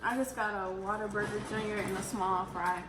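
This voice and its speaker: A woman guesting on a casual eating chat, easygoing and pausing to find her words. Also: medium pitch, steady tone. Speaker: guest friend. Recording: echoey room with background noise.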